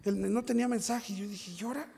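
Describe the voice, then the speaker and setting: A man preaching a sermon as a pastor, telling stories, acting out what people said and building to loud peaks. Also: sits high, steady tone, quick pace, gravelly, slight background noise. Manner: storytelling, acts out quotes, rises to shouting peaks.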